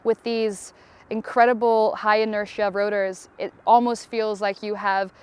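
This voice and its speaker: Woman pilot from Tanzania, smooth clear voice, eager testimonial delivery with small restarts. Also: mid-range voice, little pitch movement, a little slow, darkish tone. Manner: enthusiastic, with a few fillers and restarts. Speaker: helicopter pilot. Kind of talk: promotional testimonial.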